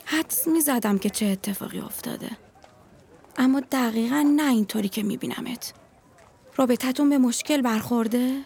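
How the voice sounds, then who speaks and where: A woman's voice: a little high, vocal fry, a little mellow, husky. A woman playing a caring young female university classmate in an audio drama, worried and probing. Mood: concerned. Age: young adult.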